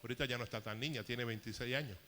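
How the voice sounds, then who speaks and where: A man's voice: medium pitch, steady tone, very fast, pushed and bright, slight background noise. A man in his fifties preaching a sermon as a pastor, telling a personal story with emotion and rising intensity. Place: church hall. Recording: long hall reverb.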